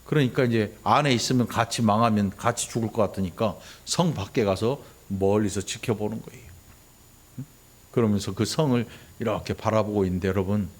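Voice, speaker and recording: Middle-aged guy preaching in church, keeps checking in with the crowd, acts out quotes in jumpy voices. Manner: conversational preaching, constantly asking the congregation "응?"; acts out quoted lines with sharp jumps in pitch. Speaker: pastor. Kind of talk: sermon. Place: church sanctuary.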